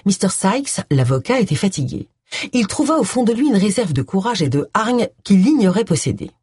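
Brief: audiobook narrator, animated intonation, husky tone, dry close mic. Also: medium pitch, normal speed, dry recording. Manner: expressive storytelling. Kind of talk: scripted narration.

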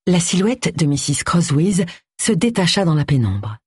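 An audiobook narrator reading a mystery novel in a measured, even storytelling voice. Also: medium pitch, husky, no echo, studio quality. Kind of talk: scripted narration of a cozy mystery.

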